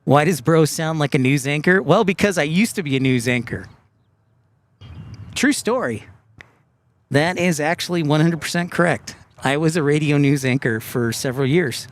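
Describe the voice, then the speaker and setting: A man's voice: on the high side, expressive, moderate pace. A man hosting a live stream outdoors, chatting casually and reading viewer comments aloud. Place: outdoors by an airport.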